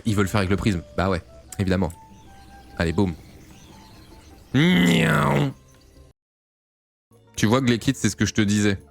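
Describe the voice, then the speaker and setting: A man from France breaks down a game replay in relaxed, teasing chat. He jokes, swears freely and keeps bursting into exclamations, with faint music under his voice. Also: fairly low pitch. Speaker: StarCraft grandmaster analysing a replay. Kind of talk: casual gameplay commentary.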